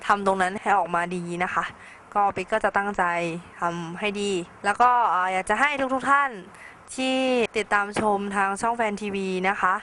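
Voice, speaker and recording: Female singing contestant, bright, tense tone, polite and earnest, a little noise behind her. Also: mid-range voice, normal speed. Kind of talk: speaking to camera.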